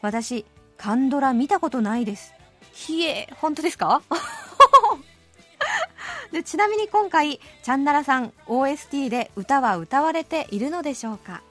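A woman's voice: sits high, normal speed, soft background music. Cheerful woman radio host in her late 30s. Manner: cheerful, animated, laughing often. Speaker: radio host reading listener letters. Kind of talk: radio letter-reading chat. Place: radio studio.

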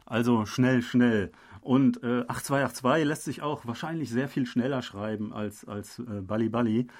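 A man co-hosting a radio program, explaining in conversation and often pausing on filler sounds. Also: mid-range voice. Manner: hesitant, many filler sounds.

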